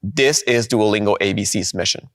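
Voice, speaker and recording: A man from Guatemala, giving an upbeat conference keynote and slowing down to stress key points. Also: on the low side, fairly bright tone, no room sound, studio quality. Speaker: presenter of a product.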